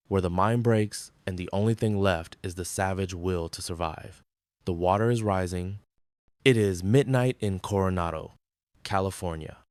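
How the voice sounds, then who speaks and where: A man's voice: low voice, a little mellow, dry recording, studio quality. A man giving dramatic scripted narration in intense, punchy short phrases.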